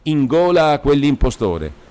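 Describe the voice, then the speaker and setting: A distraught middle-aged clerk, as a man reads him aloud, raises his deep, dark voice somewhat higher and louder. He shouts in anguished, self-reproaching outbursts, fists clenched in fury, in a storybook reading. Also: lively intonation, a little fast, natural voice. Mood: vengeful.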